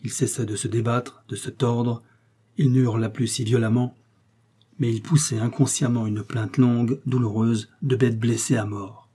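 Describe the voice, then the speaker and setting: Male audiobook narrator, measured delivery, warm dark husky tone. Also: medium pitch, little pitch movement. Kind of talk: scripted narration of a novel.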